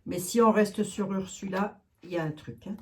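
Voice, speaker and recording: A woman's voice: mid-range voice, normal speed, a little hiss or hum. A woman giving a casual tarot reading to her viewers, thinking aloud with many fillers and asides. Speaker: tarot reader.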